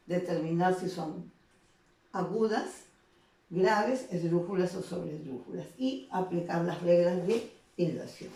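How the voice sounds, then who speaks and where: A woman teaching a grammar lesson to secondary students, with a mellow, gravelly voice. She explains patiently and keeps checking in with short tag questions. The sound is roomy and echoing, with her voice set back from the mic. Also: mid-range voice, distant mic. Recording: echoey room, voice off the mic.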